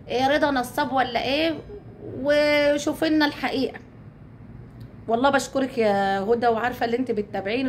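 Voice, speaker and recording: A woman's voice: fairly high pitch, slight background noise. An Egyptian woman talking casually to her viewers, chatty, swearing oaths and calling them her dear ones. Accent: Egyptian Arabic. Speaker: YouTube channel host.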